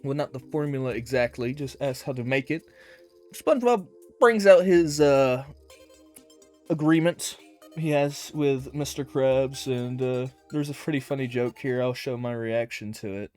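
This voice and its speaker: A man's voice: medium pitch, measured pace, a little mellow, faint music behind. A man giving a casual, rambling commentary review of a cartoon episode, with lots of fillers and hedges.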